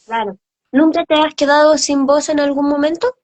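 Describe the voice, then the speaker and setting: A woman's voice: high-pitched, moderate pace, darkish tone. A woman hosting a casual interview, friendly, reading out viewer comments and asking questions. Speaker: interview host.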